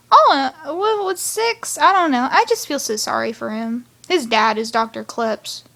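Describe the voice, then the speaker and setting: A woman's voice: high-pitched, a little slow, gravelly, pushed and bright. A woman rambling through a casual review of a cartoon episode, chatty, with sighs and side remarks. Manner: chatty, rambling, sighing asides.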